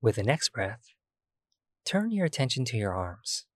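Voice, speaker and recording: Soft-spoken man guiding a meditation. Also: medium pitch, sing-song, no echo, clean studio sound. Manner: slow, soft and soothing, with long pauses. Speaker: meditation guide. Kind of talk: guided body-scan meditation.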